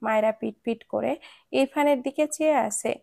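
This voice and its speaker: A woman narrating a romance story aloud in a steady storybook manner. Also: a little high, normal speed, gravelly, no room sound.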